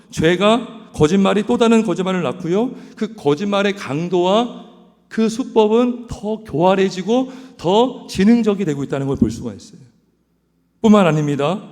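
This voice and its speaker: In a church sanctuary, a pastor with a high-sitting voice preaches animatedly, the sound filling a large hall. He quizzes the congregation with questions and acts out quoted lines in other voices.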